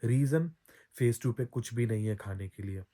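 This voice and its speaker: A man's voice: medium pitch, normal speed, warm tone. A man giving casual travel advice as a vlogger, chatty, often repeating himself and correcting his own slips. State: throat recovering from soreness.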